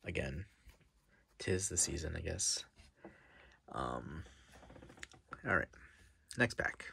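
A very deep, creaky voice, pushed and bright with lively intonation, comes slowly from a middle-aged vlogger with a stuffy nose opening card packs at a desk in front of a wall of card boxes. He chats casually, reads out names and at times nearly whispers, over a slight hiss or hum.

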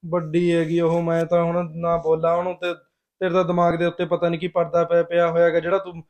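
Guy doing a calm-em-down husband, high-ish voice, talks quick. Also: lightly acted. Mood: reasoning. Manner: placating, reasoning, patient. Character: easygoing young husband caught between wife and sister-in-law. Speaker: husband, a day laborer. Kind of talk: short-film drama dialogue.

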